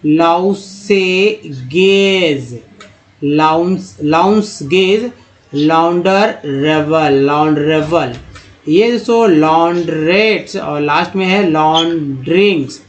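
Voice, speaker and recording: A man teaching pronunciation step by step, addressing viewers as friends. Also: sits high. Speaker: English teacher. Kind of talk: teaching lesson.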